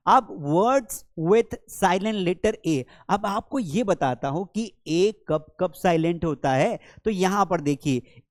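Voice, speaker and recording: A man's voice: a little high, darkish tone, dry recording, studio quality. A man with an Indian accent teaching an English lesson in Hindi, repeating words and quizzing the viewer like a classroom teacher. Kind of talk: classroom-style language lesson.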